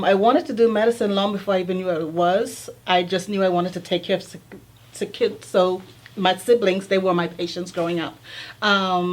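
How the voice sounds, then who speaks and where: Caribbean-woman pediatrician, relaxed. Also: medium pitch. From Turks and Caicos. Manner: relaxed, hesitant with frequent ums. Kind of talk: interview answers.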